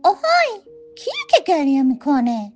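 A woman's voice: very animated, darkish tone, muffled recording, faint music behind. A woman voicing a little butterfly who calls out shrilly. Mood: calling out. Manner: shrill calling out. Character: alert little butterfly, bossy and loud.

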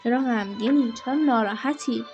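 A woman voicing a kind dog in a storybook tale, gentle and refusing softly. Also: on the high side, highs cut off, soft background music, lightly acted.

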